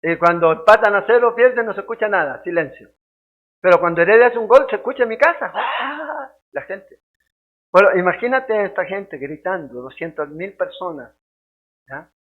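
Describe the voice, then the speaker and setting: A man teaching a Bible study as a pastor, lively and conversational, often checking that listeners follow. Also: sits high, normal speed. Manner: keeps asking "¿ya?" to check understanding, lively and conversational. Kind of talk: sermon-style Bible teaching. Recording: tinny phone-like sound.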